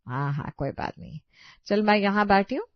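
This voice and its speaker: A woman voicing a kind older mother-in-law who scolds fondly and calls out loudly in a cartoon. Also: medium pitch, animated, normal speed, no room sound, muffled recording, natural voice. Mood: fussing caring.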